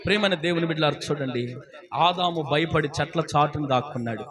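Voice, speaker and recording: A man's voice: on the high side, quick pace, a crowd in the background. A man preaching a fervent sermon as pastor, calling out hallelujah and acting out the voices in his stories. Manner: fervent, calls out hallelujah, acts out quotes. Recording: live church service with congregation. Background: congregation.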